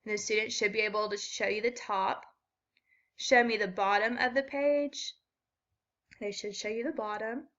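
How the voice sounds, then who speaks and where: Bright-voiced woman explaining a test. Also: mid-range voice, fairly even intonation, moderate pace, dull audio. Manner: explanatory, with frequent ums. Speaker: student teacher explaining an assessment. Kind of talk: walkthrough of a reading assessment.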